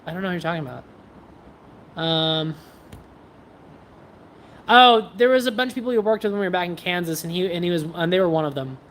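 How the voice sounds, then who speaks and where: A woman's voice: fairly low pitch, fairly quick, long pauses, slight background noise. A woman hosting a casual livestream, chatting with viewers in a scattered, self-interrupting way as she shows her practice swords.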